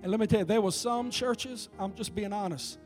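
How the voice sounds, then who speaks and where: A man preaching a sermon as an evangelist, in a rhythmic style that swells from hushed lines to shouting. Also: high voice, fairly quick, faint music behind.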